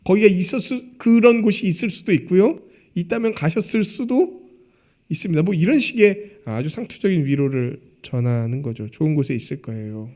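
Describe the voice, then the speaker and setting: A man's voice: high-pitched, animated, a little fast. A male pastor preaching a sermon in a chatty way, often putting questions to the congregation and acting out quoted lines. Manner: conversational, asks the congregation questions; acts out quoted lines, dropping to a hush.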